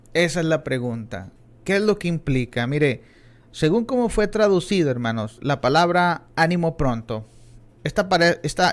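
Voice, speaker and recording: A middle-aged man preaching a Bible class in a church, earnest and emphatic, often addressing his listeners as brothers. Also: a little high. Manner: earnest, repeats "hermanos" often, emphatic rises on key words. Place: church in Texas.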